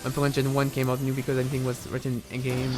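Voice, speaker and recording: This is relaxed live gaming commentary from a young man whose native language is French and who speaks with a French accent. He chats and rambles with lots of fillers and restarts, talking very fast in a mid-range voice with a completely flat delivery. Music runs in the background.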